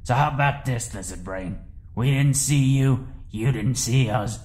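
A man voicing a gruff, grumpy male spaceship captain who talks in a slangy drawl. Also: mid-range voice, measured pace, darkish tone, lightly acted.

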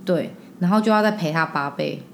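A young woman with a Taiwanese Mandarin accent, talking bluntly and chattily on a podcast with quick interjections. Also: low voice, vocal fry, slight background noise. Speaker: podcast guest, older sister. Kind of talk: casual chat.

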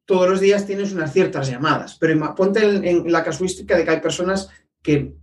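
A man's voice: high-pitched, brisk, far from the mic. A man, hosting a podcast, asking thoughtful questions and rephrasing as he goes. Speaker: podcast host. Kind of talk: conversational interview questions.

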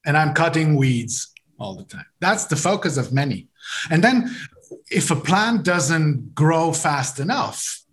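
In a podcast interview, a male leadership coach from Switzerland, a native German speaker, speaks in a voice on the high side that swings widely in pitch, unhurried and a bit bright. His style is explanatory, leaning on garden metaphors, with repeated words and the occasional restart.

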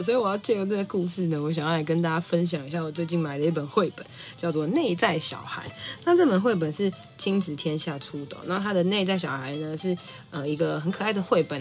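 A woman psychologist, telling a family story and reading a picture book aloud in a lively, laughing way. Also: lowish voice. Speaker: psychologist podcast host.

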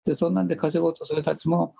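Older guy w a hoarse smoker-type rasp, kinda high pitched, talking life advice, dull audio. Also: little pitch movement, very fast, mellow, dry recording. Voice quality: hoarse, raspy, gravelly. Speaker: teacher and author, podcast guest speaker. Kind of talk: conversational spiritual life advice.

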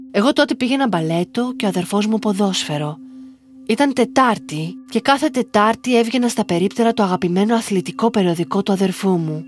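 A woman reading a listener's first-person story aloud in slow, measured scripted narration. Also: medium pitch.

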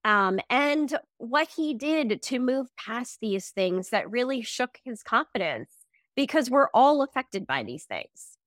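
A woman's voice: on the high side, sing-song, takes it slowly, fairly bright tone, no room sound, studio quality. A woman hosting a podcast, introducing her guest with enthusiasm. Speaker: podcast host.

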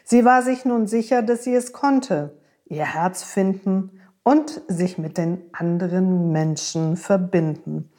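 A woman storyteller reads aloud in a low, dark and mellow voice. Her delivery is soothing and gentle, at a very slow, unhurried pace, made for listeners to close their eyes and relax. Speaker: storyteller, podcast host. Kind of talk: calm scripted story narration.

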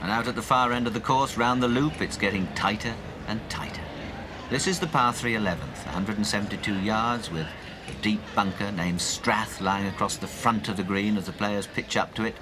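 Guy doing live golf commentary, kinda low voice, measured, crowd and noise behind him. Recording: old outdoor broadcast, loud crowd and noise. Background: crowd and outdoor noise.

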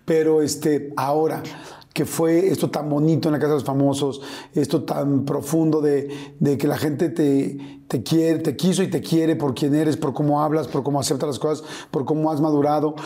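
Mexican interviewer dude, warm dark tone, rambly questions w lots of fillers. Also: male voice, a little high, fairly even intonation, measured pace. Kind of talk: conversational interview.

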